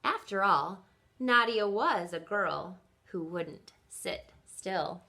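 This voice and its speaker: Her voice mid-range and creaky, a teacher takes her time reading aloud to children. She reads expressively, turning to her young listeners with questions as she goes.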